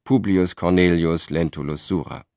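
A man voicing a sly, well-connected Roman gentleman in an audiobook, chatty and confiding. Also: low voice, fairly even intonation, moderate pace, dry recording, clean studio sound, close to an everyday voice.

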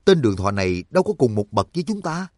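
A man's voice: mid-range voice, big pitch swings, quick pace, darkish tone, no echo, studio quality, pitched above the performer's own voice. A man voicing a worried fighter who speaks grimly about a stronger enemy in an audiobook. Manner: tense and grim. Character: worried male fighter weighing the odds.

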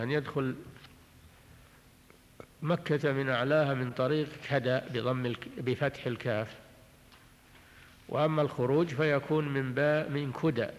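A man teaching a religious text in a measured way, often repeating and restarting his phrases and clearing his throat. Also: mid-range voice. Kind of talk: recorded lecture explaining jurisprudence. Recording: long hall reverb on an old tape.

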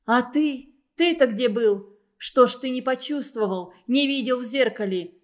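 A woman doing a startled, sharp-questioning mother. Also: a little high, unhurried, lightly acted. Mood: bewildered. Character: startled mother, demanding answers.

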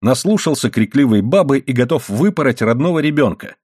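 A man's voice: medium pitch, lively intonation, brisk, a little mellow, slightly rough, no room sound, studio quality, voice pushed up. A man voicing a stern, mocking miner's wife who scolds firmly and answers her husband with sarcasm. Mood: sharp scolding. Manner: reproachful, mocking, firm. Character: stern, sharp-tongued miner's wife and mother.

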